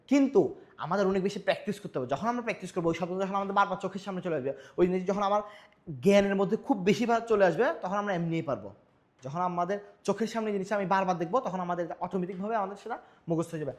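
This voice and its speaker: A male teacher giving a grammar lesson, asking questions and answering them himself, coughing now and then. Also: sits high.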